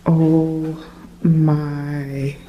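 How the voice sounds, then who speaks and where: A young adult vlogger gushing with excitement during an apartment tour, the voice echoing off the bare walls of an empty, unfurnished room. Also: medium pitch, very slow, highs cut off, a little hiss or hum. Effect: echo of an empty, unfurnished room. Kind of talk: casual vlog apartment tour. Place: empty studio apartment indoors. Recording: echoey empty room, distant mic.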